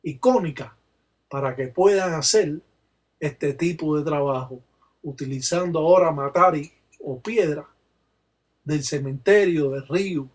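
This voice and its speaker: Slow husky Cuban man. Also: on the high side. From Cuba. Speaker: Palo Mayombe religious teacher. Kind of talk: slow explanatory talk.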